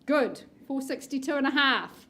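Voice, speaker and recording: A woman's voice: high voice, expressive, moderate pace, a bit bright. A woman auctioneer calling live bids in a playful, coaxing patter, reading out numbers like a bingo caller. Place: room with bidders present.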